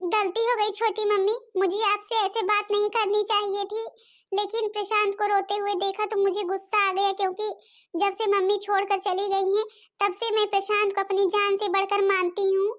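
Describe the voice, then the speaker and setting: A woman's voice: very high-pitched, flat delivery, normal speed, a bit bright, pitched above the performer's own voice. A woman voicing a caring, worried teenage older sister in a cartoon. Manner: worried, pleading. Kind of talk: cartoon voice acting.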